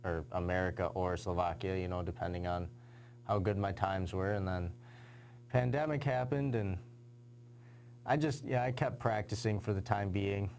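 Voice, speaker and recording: Young man, low gravelly casual answers. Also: moderate pace, darkish tone, a little hiss or hum. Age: young adult. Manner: casual, lots of "you know" and "kinda". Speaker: high school athlete guest. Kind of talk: TV interview answers.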